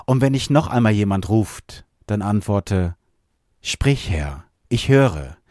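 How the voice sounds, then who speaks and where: A patient old priest speaks in a calm, fatherly way, as a man reading a Bible story puts him on. His voice moves with lively melody. The sound is close and dry. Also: on the low side, slow pace, no echo. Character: old, nearly blind priest, gentle and patient.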